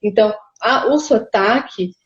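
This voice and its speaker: A woman's voice: a little high, a little slow, reverberant, lo-fi sound. Woman explaining, hesitant. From Rio de Janeiro, Brazil. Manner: explains patiently, many hesitations. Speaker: linguist guest. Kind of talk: explanatory conversation.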